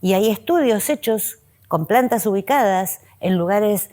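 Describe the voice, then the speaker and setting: A woman speaks as the host of a reflective spiritual talk. Her delivery is unhurried and measured, at a mid pitch, with pausing, list-like phrases that often trail softly downward. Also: animated.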